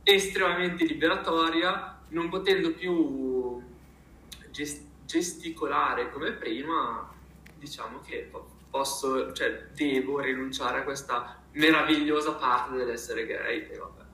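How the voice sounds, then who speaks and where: A man speaking emphatically and expressively in a casual interview, with halting phrasing and repeated words. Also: on the high side, bright, forceful tone. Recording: roomy, echoing sound.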